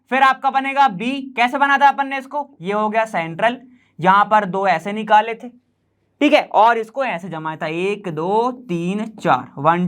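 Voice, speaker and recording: A man teaching a chemistry class in an online lecture, casual and chatty as he explains while drawing on a board, often checking whether students follow and slowly repeating key terms. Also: extremely high pitch, a bit bright.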